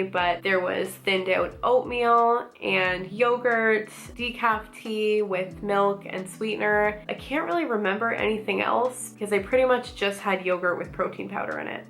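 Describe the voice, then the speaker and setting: A woman's voice: medium pitch, normal speed, few pauses, a bit bright. A woman telling a personal story in vlog style, articulate and matter-of-fact, with light wry understatement. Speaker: vlogger.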